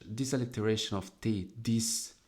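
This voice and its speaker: A young man slowly explaining the devices in his own poem, lingering over each quoted verse word. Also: fairly low pitch, a little mellow. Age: young adult.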